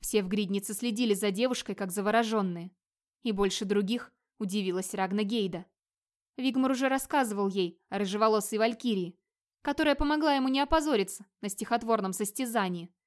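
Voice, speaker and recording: A woman narrating an audiobook in an even, measured storytelling manner. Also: mid-range voice. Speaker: audiobook reader. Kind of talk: scripted narration.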